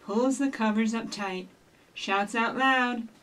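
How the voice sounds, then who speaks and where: In a small indoor office with shelves, a middle-aged woman hosting storytime talks and reads to young children, cheering them on directly. She's a children's librarian with a fairly high, slightly bright voice and a slow pace. Slight background noise comes through the distant room mic.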